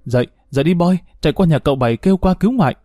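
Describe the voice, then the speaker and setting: Urgent, pleading young woman, voiced by a male narrator, raised pitch, mellow dry storybook read. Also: expressive, racing, dry recording, soft background music. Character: young woman, frightened but determined granddaughter.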